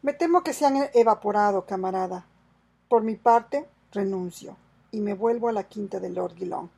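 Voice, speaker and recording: Woman playing a loud, blustering soldier. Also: mid-range voice, normal speed, vocal fry, slightly rough. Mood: indignant. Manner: loud, indignant scolding. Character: blustering male colonial soldier, brash.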